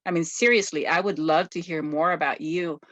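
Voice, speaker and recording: A woman's voice: sits low, fairly even intonation, a little fast, dry recording. A woman from the Philippines hosting an interview, enthusiastic and effusive with praise. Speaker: interview host. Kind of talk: casual interview conversation.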